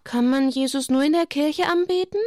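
A woman's voice: sits high, normal speed, no room sound, studio quality, voice pushed up, natural voice. Jacinta, a woman reading as an eager little girl. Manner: excited, pleading storybook reading.

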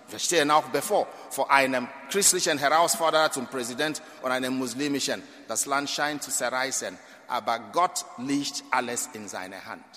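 Under long church reverb, a Nigerian man with a mid-range, somewhat bright voice delivers a sermon as a priest at mass. His preaching is emphatic, rising and falling sharply in volume.

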